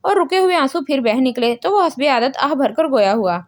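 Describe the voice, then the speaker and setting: A woman reading a romantic novel aloud as scripted audiobook narration, soft and unhurried, with emotional storytelling. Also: sits high, expressive.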